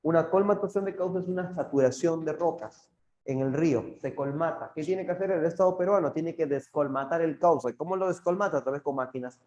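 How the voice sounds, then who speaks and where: A man's voice: fairly high pitch, fairly quick, a little mellow. Joking male geography teacher, roomy sound. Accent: Peruvian Spanish. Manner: jokey, laughs often, talks back to chat. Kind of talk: live online class reading chat questions. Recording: roomy, dull lo-fi stream audio.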